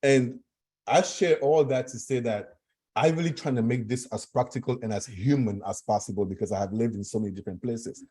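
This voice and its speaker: Earnest guy from cameroon on a video call, husky low-key voice, keeps repeating himself for emphasis. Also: a little fast, mellow. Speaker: guest speaker. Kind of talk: conversational talk.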